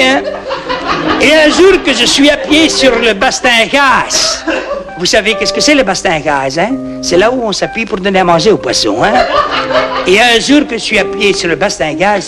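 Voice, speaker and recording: A man playing a boastful Flemish peasant who rambles through a tall tale in broken French with a Flemish accent, dropping in Dutch oaths and endless "hein". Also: sits high. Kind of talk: comic monologue in broken French. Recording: old 1960s record with music.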